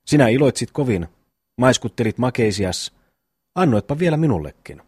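A man's voice: mid-range voice, big pitch swings, darkish tone, husky, dry recording. A man voicing a sly, mocking young peasant brother in an audiobook. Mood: teasing. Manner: mocking, dry wit.

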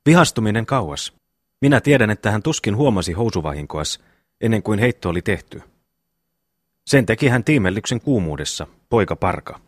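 A man reads a sensible young brother who speaks in a measured, reasoning way. The voice is low and dry. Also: big pitch swings, dry recording. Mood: calm.

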